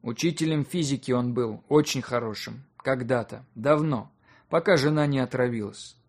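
A man's voice: mid-range voice, normal speed, natural voice. A man reading a weary middle-aged male village elder who talks in a plain, chatty, complaining way.

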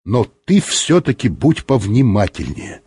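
A man doing a gruff, bass-voiced commander. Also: big pitch swings, measured pace, darkish tone, no room sound, exaggerated voice. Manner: gruff, terse. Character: stern, bass-voiced male ship commander.

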